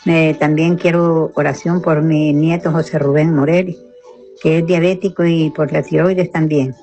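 Older woman's phone voice message, flat and pleading. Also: low voice, soft background music. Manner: slow, pleading, rambling prayer requests. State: unwell, weary. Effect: phone voice message played back on air. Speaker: radio listener sending a voice message.

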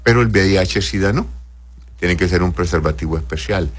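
A man whose voice sits low talks a little fast as a doctor hosting an advice show, reading listener messages aloud and giving conversational medical advice. He's avuncular, using endearments and frequent checking tags.

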